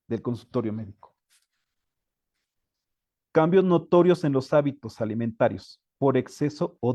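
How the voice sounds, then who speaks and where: A man's voice: medium pitch, warm tone, no room sound. A man giving an explanatory lecture to teachers as a trainer. He often checks in with his listeners and hesitates now and then.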